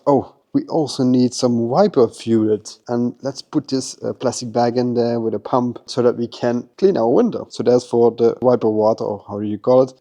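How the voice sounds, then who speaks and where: Male workshop host, relaxed dark voice, keen and chatty on camera. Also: medium pitch. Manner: enthusiastic, repeats "beautiful" and "amazing". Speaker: car detailing workshop host. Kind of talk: casual walkthrough vlog. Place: car workshop.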